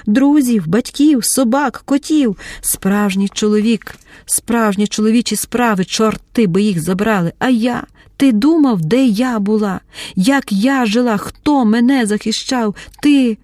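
A woman reading an audiobook, voicing a tense young woman who breaks into hysterical shouting. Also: mid-range voice, no room sound, lightly acted. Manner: shouting, pleading outbursts.

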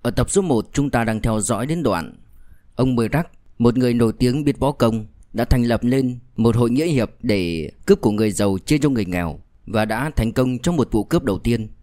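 A man reading a crime novel aloud as a storyteller, in a measured, steady way. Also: medium pitch, no room sound, studio quality. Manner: measured, with fillers in asides. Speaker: audiobook narrator.

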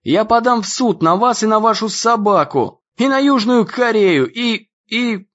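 A man voicing a whiny, indignant fourteen-year-old boy who shouts complaints and threats in an audiobook. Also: sits high, expressive, a little slow, highs cut off, pitched above the performer's own voice. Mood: indignant whining.

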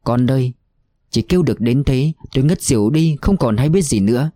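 A man's voice: medium pitch, brisk, dry recording. Somber male audiobook narrator. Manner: somber, steady reading. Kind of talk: scripted narration of a war novel.

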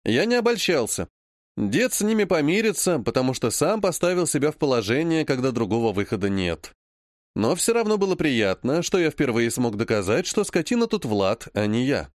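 A man reading a first-person audiobook in a calm, even way. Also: mid-range voice, normal speed, no echo, studio quality. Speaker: audiobook narrator.

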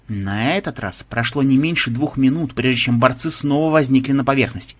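A man reading an audiobook aloud with expressive, dramatic narration. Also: mid-range voice.

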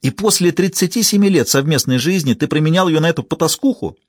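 A man's voice: a little high, fast talker, no echo, studio quality, voice pushed up, lightly acted. A man voicing an angry young female police detective who speaks sharply and confrontationally. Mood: furious.

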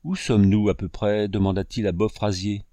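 A man reading an adventure novel aloud in measured, scripted narration. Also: lowish voice, little pitch movement, warm tone, no room sound, clean studio sound. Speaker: audiobook reader.

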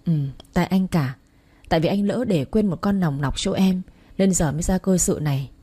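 A woman voicing a gentle young man who soothes his partner in a soft, slow, coaxing way, in a storybook reading. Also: lowish voice, husky. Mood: pleading.

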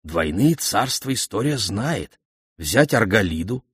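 A man voicing a gracious, affectionate queen who speaks gently and persuasively. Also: fairly low pitch, sing-song, a little slow, husky, no room sound, clean studio sound, exaggerated voice.

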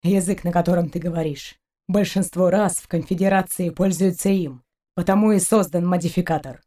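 A woman's voice: lowish voice, fairly even intonation, a little fast, warm tone, pitched below the performer's own voice, close to an everyday voice. A woman voicing a curt, unsentimental male starship captain in an audiobook, talking in a blunt, dismissive way.

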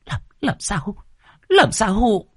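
A man's voice: high voice, huge pitch swings, very slow, a bit bright, breathy edge, dry recording, studio quality, pitched above the performer's own voice, exaggerated voice. A man voicing a panicked fat middle-aged woman who stammers in terror, in a horror audiobook.

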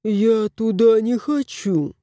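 A woman's voice: medium pitch, big pitch swings, dark tone, dry recording, studio quality. A woman voicing a plump, touchy male house cat who whines and sulks in an audiobook. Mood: sulky. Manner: whining, drawn-out complaints. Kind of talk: audiobook character voice.

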